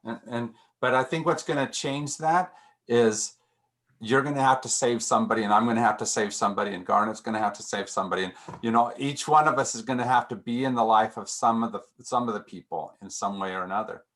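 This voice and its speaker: A man's voice: medium pitch, quick pace, a bit bright. A man leading a casual group discussion, thinking aloud with frequent restarts and repeated words.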